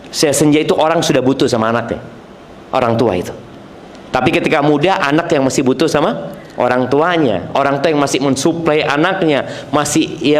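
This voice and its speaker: Slightly high-voiced male preacher. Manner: recites Arabic verses, then explains them conversationally; repeats phrases for emphasis. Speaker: Islamic preacher. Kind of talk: sermon.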